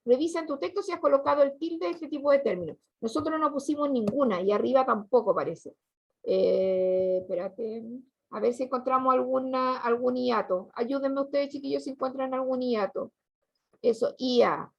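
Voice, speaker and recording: High-pitched gravelly teacher. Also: female voice, normal speed. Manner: patient, questioning, repeats answers. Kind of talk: online class lesson. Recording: dull lo-fi recording.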